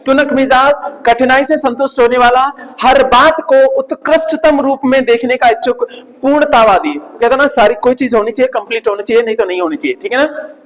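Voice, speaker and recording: A male teacher runs a vocabulary class, saying each word over and over at a slow, careful pace. He keeps tacking short check-in questions onto his sentences. His voice rings with a long reverb, as if he is in a large hall. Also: extremely high pitch. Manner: drills pronunciation by repeating words slowly; peppers speech with "isn't it" tags.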